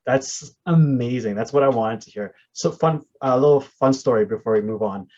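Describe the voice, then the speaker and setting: Husky-voiced man podcast co-host. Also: medium pitch, normal speed. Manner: animated storyteller, self-mocking. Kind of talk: casual podcast chat. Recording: dull lo-fi sound.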